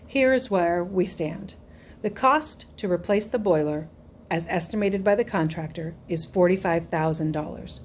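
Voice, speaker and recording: A woman reading as a measured, weary church-board father. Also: fairly low pitch, slight background noise, lightly acted. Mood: businesslike. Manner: measured, businesslike summarizing.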